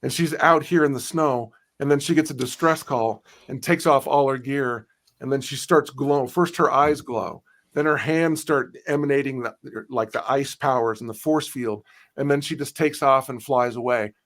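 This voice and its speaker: A man's voice: medium pitch, steady tone, normal speed, a bit bright. A man chatting casually on a stream, emphatic, swearing and repeating himself for stress. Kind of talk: casual group chat on a stream.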